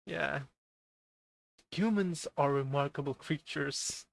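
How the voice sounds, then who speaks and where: A man reacting casually, halting and repeating his words. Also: on the high side, vocal fry, no echo. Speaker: reaction youtuber.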